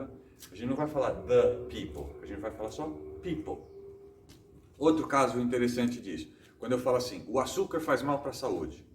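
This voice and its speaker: A Brazilian man gives a casual home English lesson, asking himself questions and then answering them. He slows down to stress each example. His voice sits at an ordinary pitch and sounds roomy and a bit distant from the mic, with faint background noise. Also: darkish tone. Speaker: English teacher and host.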